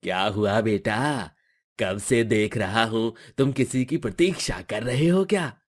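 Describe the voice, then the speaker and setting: A man voicing a kindly elderly male temple priest in a cartoon, speaking gently and in a fatherly way. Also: fairly low pitch, measured pace. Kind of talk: Hindi cartoon voice acting.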